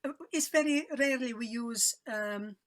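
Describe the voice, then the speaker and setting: A woman with a Lebanese accent talks in a relaxed interview. Her voice is crisp and bright, sitting a little high. She is expressive and good-humoured and laughs easily. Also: moderate pace. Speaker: guest, cookbook author. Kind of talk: casual interview chat.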